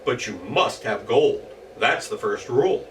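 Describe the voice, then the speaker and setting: A man voicing a clever, teasing storybook hero in an unhurried way. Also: mid-range voice, animated, a bit bright, recorded from a distance, a little hiss or hum. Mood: sly.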